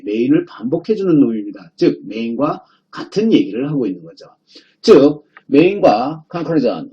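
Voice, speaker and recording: A man's voice: medium pitch, lo-fi sound. A man teaching English exam reading in a recorded lecture, asking rhetorical questions and answering them himself.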